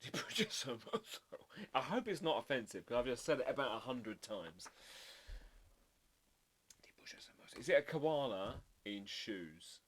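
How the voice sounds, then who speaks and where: A man's voice: mid-range voice, lively intonation, normal speed, hardly any pauses. A man hosting a live drawing stream, chatting casually and playfully while trying out foreign words. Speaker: livestream artist host.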